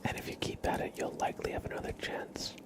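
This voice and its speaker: A man's breathy whisper carries positive affirmations for an ASMR stream, delivered gently, reassuringly, and in halting bits.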